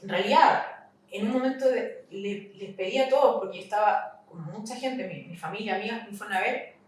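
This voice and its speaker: A woman with a Chilean accent, a podcast guest recounting a personal loss, halting and repeating herself. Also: medium pitch. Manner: halting, repeats herself, voice rises in retold questions. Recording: echoey room, mic at a distance, faint hiss.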